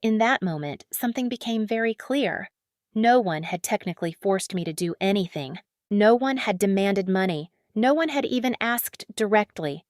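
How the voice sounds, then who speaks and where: A woman narrating a first-person drama story in a calm, measured way. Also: mid-range voice, dry recording, studio quality.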